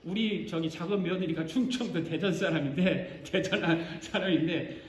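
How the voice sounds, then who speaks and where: Older male pastor preaching, playful and animated, in a roomy, reverberant church. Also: high voice, moderate pace, slight background noise. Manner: animated, joking, acts out congregation responses. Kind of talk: sermon. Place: church sanctuary. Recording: echoey church sanctuary.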